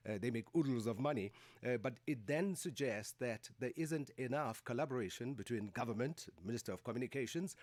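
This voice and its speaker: A man's voice: mid-range voice, a little mellow, no echo. A man hosting a radio interview who asks long questions and affirms his guest, with many uhs. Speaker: radio host.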